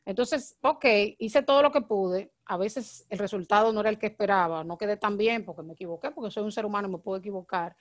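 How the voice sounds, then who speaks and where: A married woman, hosting a casual podcast chat and talking very fast and excitably. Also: mid-range voice, no room sound, studio quality. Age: adult, married. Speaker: podcast host.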